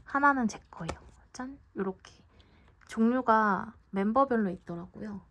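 A young woman vlogging an unboxing in a chatty, gushing way, often dropping to a soft whisper, indoors at home. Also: fairly high pitch, moderate pace, slight background noise. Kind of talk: unboxing vlog.

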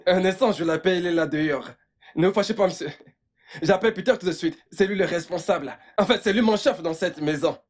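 A man voicing a bumbling, excitable male house servant in a dubbed film, flustered and giggly by turns, given to loud wailing. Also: high voice, a little fast.

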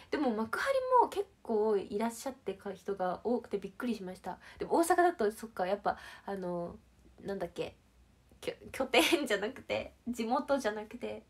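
A young woman from Shizuoka, Japan, hosting a casual livestream and chatting with viewers in a bubbly, playful, giggly way. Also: a little high. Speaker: idol livestream host. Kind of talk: casual livestream chat reading comments.

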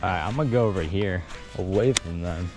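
A young man fishing outdoors, chatting casually in a relaxed, easygoing way. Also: low-pitched, brisk, loud music behind the voice. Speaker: competing angler. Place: outdoors by a pond.

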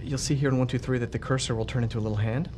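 A young man demonstrating software in an office, explaining step by step with hesitant fillers. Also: mid-range voice, fairly even intonation, rapid-fire, background noise. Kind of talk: product demonstration. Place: indoor office.

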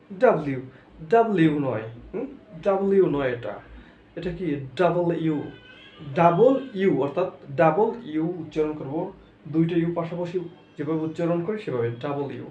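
A man whose first language is Bengali, teaching English letter sounds in a spoken lesson, repeating each sound and checking in with "okay?". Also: a little high. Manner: repeats each sound many times, asks "okay?" often. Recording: roomy, dull lo-fi sound with faint noise.

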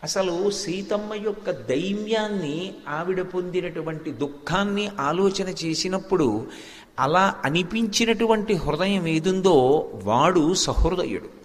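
An older man delivers a devotional discourse from a stage, weaving stories between chanted Sanskrit verses. His voice sits a little high for a man. A long reverb trails behind him in the large hall. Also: unhurried. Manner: storytelling, quoting Sanskrit verses. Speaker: religious discourse speaker.

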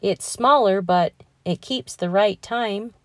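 A woman's voice: medium pitch, slow pace, no echo, studio quality, natural voice. A woman voicing an earnest, eager young schoolboy in a children's storybook, sincere and plain-spoken. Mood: relieved, sincere. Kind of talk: children's storybook character reading.

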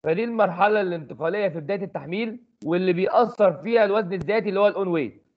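A man with an Egyptian accent runs through a lecture at a quick clip, his voice pitched high for a man. He keeps asking rhetorical questions and answering them himself. The recording sounds dull and lo-fi. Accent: Egyptian Arabic. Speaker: engineering tutor.

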